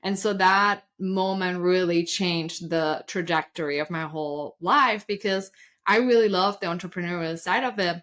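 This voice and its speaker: Speaking English with a German accent, this thirty-something coach for side hustles shares her story on an interview podcast with lively, storytelling energy. "Like" and "literally" pepper her speech, and she talks at a normal speed in a low-leaning voice.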